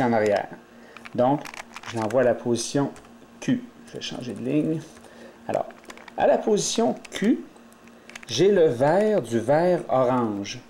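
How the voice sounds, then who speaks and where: A man's voice: medium pitch, mellow, slight background noise. Methodical Québécois man explaining step by step. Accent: Québécois French. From Quebec. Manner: methodical, thinking aloud. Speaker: instructor. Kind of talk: step-by-step tutorial.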